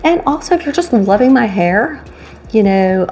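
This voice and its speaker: A woman in her fifties chats straight to camera from a room at home. She is animated and talkative, rushing through asides, then slowing right down to stress a point. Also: a little high, slight background noise. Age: 50s. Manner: chatty, animated, swings between quick asides and slow stressed phrases. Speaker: retirement vlogger and coach. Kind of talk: casual talk to camera.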